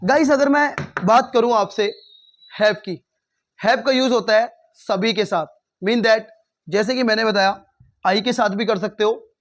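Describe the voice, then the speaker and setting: A man with a high voice and an Indian accent teaches a relaxed spoken English lesson to camera. He switches freely between Hindi and English, fills his talk with "uh" and "like", and keeps calling his viewers "guys". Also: unhurried, pauses often.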